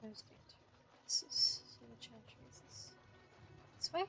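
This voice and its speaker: A woman's voice: a little slow, a bit bright, faint music behind. A woman streamer chatting wryly as she plays a video game and talks back to its characters. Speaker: gaming streamer. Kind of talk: casual gameplay commentary.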